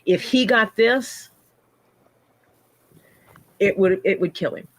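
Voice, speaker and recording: A woman with a medium-pitched voice talks slowly on a casual livestream, her throat scratchy from being ill. Chatty throughout, she breaks into her stories to greet viewers by name.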